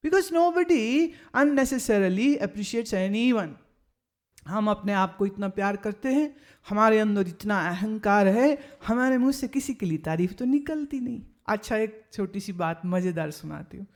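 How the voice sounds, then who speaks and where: A woman spiritual teacher giving a discourse, telling anecdotes in a lively way and acting out what other people said. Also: mid-range voice, measured pace. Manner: lively storytelling, acts out other people's remarks.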